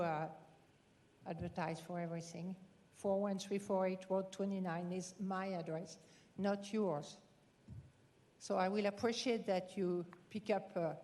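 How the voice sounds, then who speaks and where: A woman's voice: medium pitch, mellow. French-accented woman rancher questioning officials. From France. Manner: direct, questioning, slightly indignant. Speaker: public commenter, cattle rancher. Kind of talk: public comment at a meeting.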